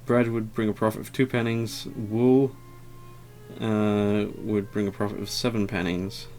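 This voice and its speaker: A man's voice: fairly low pitch, little pitch movement, measured pace, darkish tone, soft background music. A man giving casual, rambling gameplay commentary, hesitant and full of fillers, with a wry, self-deprecating manner. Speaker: let's player.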